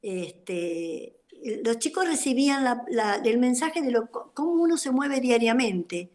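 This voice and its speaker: A woman's voice: fairly high pitch, lively intonation, slow pace, a little mellow. An older woman with an Argentine accent giving a personal testimony in an online talk, telling her story in a rambling way with many fillers. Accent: Argentine Spanish. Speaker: guest speaker, former activist.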